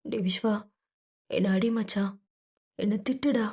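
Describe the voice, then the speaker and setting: A woman's voice: mid-range voice, a little slow, gravelly, darkish tone, husky. A woman voicing a grown man, a crime boss who has broken down and tearfully blames himself. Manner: tearful, self-blaming.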